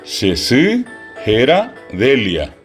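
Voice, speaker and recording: A man teaching children a language lesson, repeating each word slowly and clearly. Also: mid-range voice, wildly swooping pitch, soft background music. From Paraguay.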